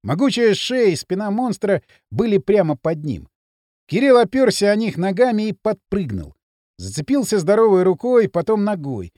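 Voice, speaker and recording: Expressive male audiobook narrator. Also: high-pitched, moderate pace, no room sound, studio quality. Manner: expressive, dramatic reading. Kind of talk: scripted narration.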